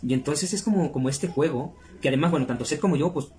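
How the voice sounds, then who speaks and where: A man's voice: a little high, fast, darkish tone. A middle-aged man, hosting a video and explaining things casually to viewers. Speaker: video host. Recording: clear background noise.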